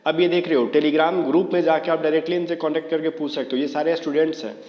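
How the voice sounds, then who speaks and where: A man's voice: a little high, steady tone, quick pace, muffled recording. A man teaching exam prep in a casual Hindi video lesson, speaking straight to viewers and dropping in fillers. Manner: talks straight to viewers, many fillers like "theek hai". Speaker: online exam coaching teacher. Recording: echoey room with long reverb.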